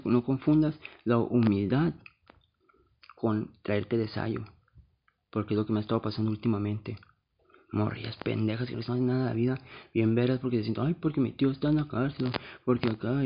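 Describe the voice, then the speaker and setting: A man's voice: medium pitch, moderate pace, vocal fry, dull audio. A man hosting a podcast in a blunt, slangy, confessional monologue. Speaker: podcast host. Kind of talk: casual monologue.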